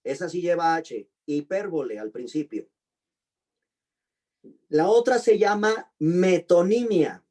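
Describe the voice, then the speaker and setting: A man with a mellow voice that sits a bit above the usual male range, teaching an online class. He says each term slowly and more than once, spells out the letters, and puts questions to his students. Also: a little high, big pitch swings. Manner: slow, deliberate spelling-out of terms. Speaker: pastor and teacher.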